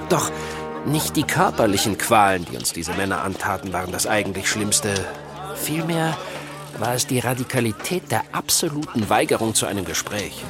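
An actor voicing a weary man in a radio drama, speaking earnestly after long captivity. His voice is lowish, and music plays under it. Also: close to an everyday voice. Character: weary brother recovering from captivity. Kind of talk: audio drama acting. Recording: music behind.

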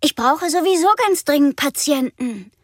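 A woman's voice: expressive, normal speed, dry recording, studio quality. Woman doing an eager little girl in an audiobook. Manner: high, bright, eager child voice. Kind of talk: audiobook reading.

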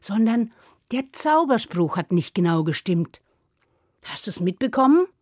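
A woman telling a fairy tale to children in a playful, lively way, acting out voices and sounds. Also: mid-range voice, a little slow, no echo, studio quality. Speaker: storyteller.

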